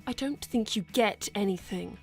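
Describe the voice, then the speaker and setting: A woman's voice: medium pitch, normal speed, gravelly, slightly rough, soft background music. A woman voicing Blaze, a proud, easily offended cat princess, with curt, formal, scolding delivery in live improvised roleplay. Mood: stern.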